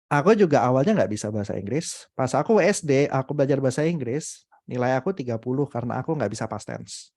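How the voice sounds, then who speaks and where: A young man talks casually in an upbeat webinar, his voice sitting at a middling pitch. He speaks in animated bursts and often stops on hesitant "em" and "eh" fillers. The sound is close and dry, with no room echo. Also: quick pace. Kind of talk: casual motivational webinar talk.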